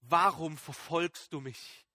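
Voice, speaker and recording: A man voicing the divine voice of Jesus in a sermon, slow, hushed and solemn. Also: on the high side, dry recording, clean studio sound, voice pushed down, exaggerated voice.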